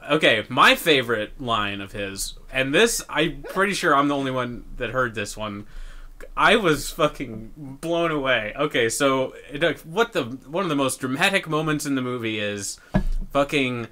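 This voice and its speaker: A man's voice: medium pitch, moderate pace. A man co-hosting a podcast, telling stories in a loose, profane, laughing way. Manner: animated, profane storytelling with laughter. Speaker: podcast co-host. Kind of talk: casual chat.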